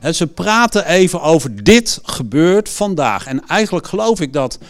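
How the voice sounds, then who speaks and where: A man's voice: a little high, moderate pace. A man preaching, telling vivid stories in a sermon, often restarting sentences as he goes. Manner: lively storyteller who acts out quotes. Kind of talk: storytelling sermon.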